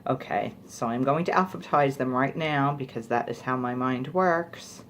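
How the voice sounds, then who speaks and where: Young woman w a really low voice, chatty product review, rambly, bit of hiss. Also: moderate pace. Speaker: beauty vlogger.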